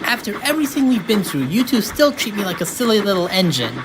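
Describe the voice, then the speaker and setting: A woman voicing a cheeky, excitable young male tank engine in a cartoon dub, eager and boyish. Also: mid-range voice, fast, background noise, lightly acted. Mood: worried. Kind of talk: animated character dub.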